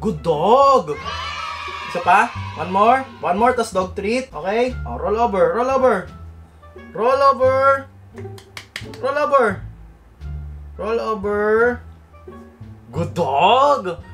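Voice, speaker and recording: A man's voice: sits high, expressive, slow, long pauses, fairly bright tone, faint music behind. A man vlogging, playfully coaxing his dog and repeating commands over and over. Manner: playful, coaxing, repeats commands, code-switches Tagalog and English. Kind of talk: casual vlog.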